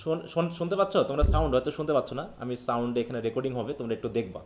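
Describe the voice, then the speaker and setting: Patient teacher explaining phonetics, echoey room. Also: male voice, mid-range voice, racing, darkish tone. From Bangladesh. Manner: explains patiently, often checks if students follow. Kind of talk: live online phonetics class.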